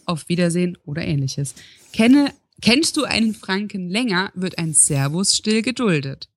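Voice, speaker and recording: A woman's voice: fairly low pitch, big pitch swings, moderate pace, no echo. A woman co-hosting a podcast in casual chat, reading rules aloud with amused dry asides and frequent laughs. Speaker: podcast co-host.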